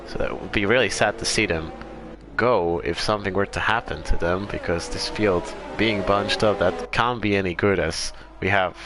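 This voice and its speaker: A man's voice: low voice, normal speed. A man giving live co-commentary and analysis on a sim race. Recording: noisy engine ambience behind voice.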